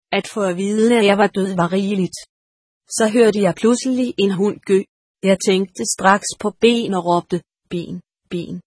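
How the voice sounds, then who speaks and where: A woman calmly reading a story aloud as narrator, measured and even. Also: medium pitch, husky, no room sound, studio quality. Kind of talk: scripted narration.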